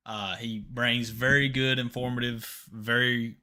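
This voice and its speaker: A man's voice: mid-range voice, level tone, measured pace, bright, forceful tone. A man in his mid twenties hosting a casual live stream, chatting easily and tossing questions to viewers. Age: 20s. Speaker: livestream host.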